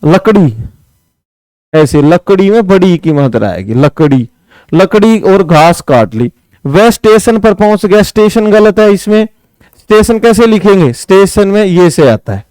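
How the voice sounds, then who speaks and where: Blunt guy teacher doing spelling questions, high clear voice, scolds students a bit. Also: animated, a little slow, a little mellow, no echo, low-quality recording. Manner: blunt, chiding, calls students brother. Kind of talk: exam-prep spelling lesson.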